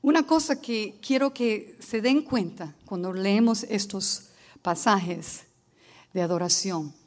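A woman's voice: medium pitch, slow pace. A woman preaching a sermon, telling stories and building to emphatic declarations, with English words mixed into her speech. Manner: storytelling, rising to emphatic declarations.

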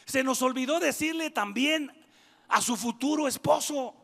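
A man preaching a lively sermon to young people in a church hall, joking and shouting for emphasis. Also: extremely high pitch, a little slow, creaky. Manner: animated, jokes and asides, shouting for emphasis. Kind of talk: lively sermon to a youth congregation. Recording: long echoing hall reverb.

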